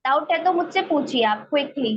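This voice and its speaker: A woman teaching an online English grammar class, explaining slowly and step by step and often checking that students follow. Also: high voice, lively intonation, a little hiss or hum. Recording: dull lo-fi online class audio.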